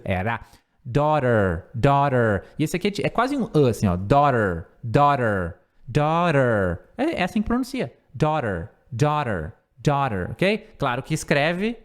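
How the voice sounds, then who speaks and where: A man with a Brazilian Portuguese accent, an English teacher who explains grammar and repeats words slowly for pronunciation. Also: mid-range voice.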